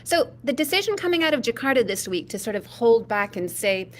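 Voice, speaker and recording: A woman from Indonesia speaking in a measured, reflective way on an opinion panel, often adding "you know". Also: a little high, sing-song, a little hiss or hum. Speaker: opinion columnist. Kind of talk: panel discussion.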